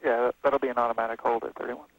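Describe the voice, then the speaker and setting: A man's voice: mid-range voice, level tone, rapid-fire, no echo, phone-quality sound. A man giving short, matter-of-fact replies over a radio comms channel, in the manner of marine radio traffic. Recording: dry radio intercom channel.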